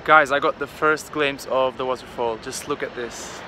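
A man's voice: medium pitch, fairly even intonation, moderate pace. A man in his thirties, a travel vlogger, talking casually to a phone held at arm's length outdoors, thinking aloud. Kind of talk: casual vlog talk to camera. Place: outdoors on rural roads and by a waterfall. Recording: loud traffic and outdoor noise.

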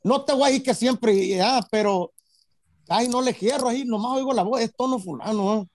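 A man's voice: very high voice, moderate pace, a little mellow. A man with a Mexican accent talking casually as a musician guest, rambling with lots of fillers and tag questions. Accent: Mexican Spanish. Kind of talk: casual interview chat.

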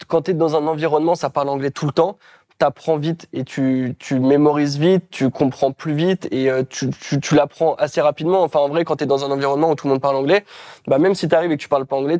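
A man from France, a guest in a casual interview, talking in a relaxed, chatty way with frequent hesitations. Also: on the high side.

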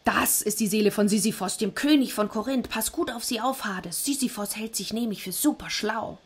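A woman's voice: mid-range voice, moderate pace, slightly rough. A woman voicing a timid male death figure who answers his master hesitantly.

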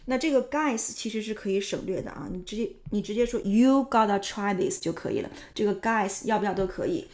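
A woman's voice: mid-range voice, animated, fairly quick, few pauses, darkish tone. A woman English teacher patiently explaining sentence structure and pronunciation step by step, with frequent filler sounds.

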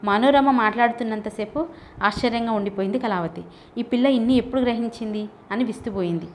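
A woman's voice: a little high, fast, a little hiss or hum. Woman narrating a story. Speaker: audiobook narrator. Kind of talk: scripted narration.

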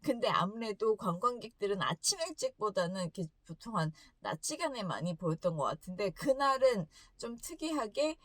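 A woman hosting an English lesson, telling a story in a casual, animated way and laughing often between sentences. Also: mid-range voice, fairly quick, hardly any pauses, no echo. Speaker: English teacher and host.

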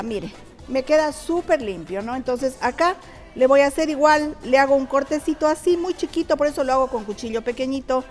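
A middle-aged woman with a bright, high voice teaches a cooking segment in a TV studio kitchen. She chats to viewers and walks through each technique step by step. Soft music plays faintly behind her. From Ecuador. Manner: chatty, explains technique step by step, addresses viewers directly. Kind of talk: cooking show demonstration.

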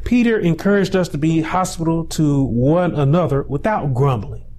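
A pastor in his forties delivers a sermon in a small indoor room, recorded on a lapel mic. He alternates slow, drawn-out phrases with climbs to shouted peaks, and his voice runs on the high side.

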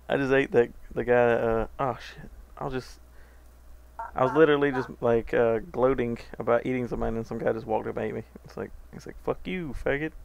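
Woman streamer, very deep voice, gravelly, laughs a lot, swears, casual game chat. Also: steady tone, normal speed, darkish tone, lo-fi sound. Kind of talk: casual chat while gaming.

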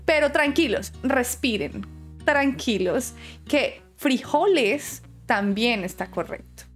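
A young Colombian woman with a Santander accent giving chatty, expressive reaction commentary and laughing often. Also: a little high, takes it slowly, faint music behind. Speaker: YouTube reaction host.

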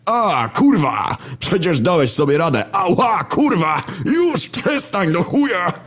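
A man voicing War, a loud and excitable male horseman who whoops, yelps and whines. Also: high voice, takes it slowly, voice pushed up, heavily acted. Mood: yelping. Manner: yelling, whooping and whining.

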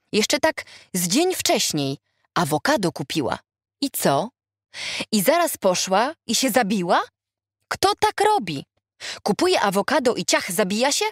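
A woman voicing a chatty, gossiping market saleswoman who insists on her theories with excitement. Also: medium pitch, no room sound, studio quality.

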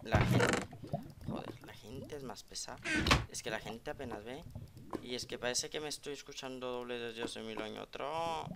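A man giving live, excitable game commentary as a gaming video creator, joking and trash-talking opponents, recorded over loud background noise and keyboard clicks. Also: medium pitch, moderate pace, creaky. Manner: excitable, jokey trash talk aimed at opponents.

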